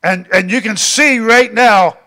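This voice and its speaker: A middle-aged male preacher delivering a sermon in a high-pitched voice with a bright, forceful edge. He peppers his lines with amens and circles back over phrases as he builds his points. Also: unhurried. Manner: frequent interjected amens, repeating phrases.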